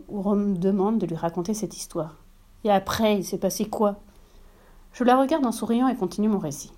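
A woman narrating a children's story in a gentle, steady manner. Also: mid-range voice. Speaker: reader.

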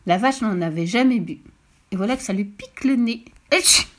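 A woman telling a children's story aloud in a gentle, expressive way. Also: medium pitch, brisk.

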